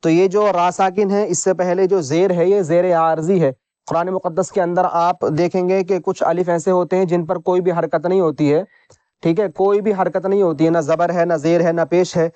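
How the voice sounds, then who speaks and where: Patient guy teaching quran letters, repeats everything, kinda high clear voice, dull lo-fi sound. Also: level tone, warm tone, dry recording. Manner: patient, repeats each point, spells out letters slowly. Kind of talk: slow instructional lesson.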